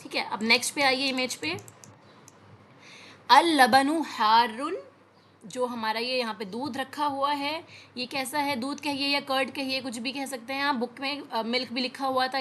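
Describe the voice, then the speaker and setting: A woman teaching an Arabic lesson, reading words slowly and explaining them patiently with frequent checks on understanding. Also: high-pitched, pushed and bright, a little hiss or hum. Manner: explains patiently, repeats words, often says "theek hai" to check understanding. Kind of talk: classroom lesson.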